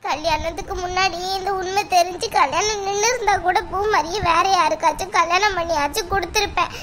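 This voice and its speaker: A woman's voice: very high voice, brisk, noisy background. A woman voicing a grieving middle-aged village mother who laments and blames herself, in a cartoon. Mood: lamenting. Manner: lamenting, plaintive. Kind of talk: cartoon voice acting.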